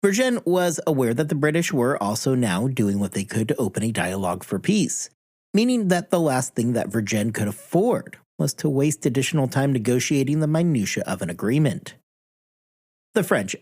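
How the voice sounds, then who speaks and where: A man hosting a history podcast, reading a scripted narration with deliberate emphasis and a husky voice. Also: mid-range voice, a little mellow.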